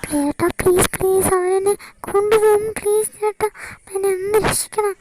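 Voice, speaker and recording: A woman's voice: extremely high pitch, fairly even intonation, normal speed, darkish tone, a little hiss or hum. A woman voicing a frightened fifteen-year-old girl on the run, pleading and tearful, in an amateur fan audio drama. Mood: begging. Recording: background music under voice. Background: music.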